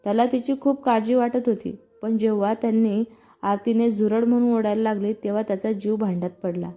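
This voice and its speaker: A woman narrating a romantic storybook tale in a steady, plain reading voice, closing with a sign-off to viewers. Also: on the high side, a little fast.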